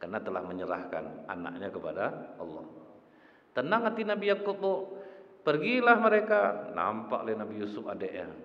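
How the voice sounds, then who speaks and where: Animated preacher in an echoey mosque. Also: male voice, moderate pace. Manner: animated, often jumping to a high pitch and addressing listeners as Pak and Bu. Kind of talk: informal dawn sermon and storytelling. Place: mosque hall. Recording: echoey, dull mosque hall sound.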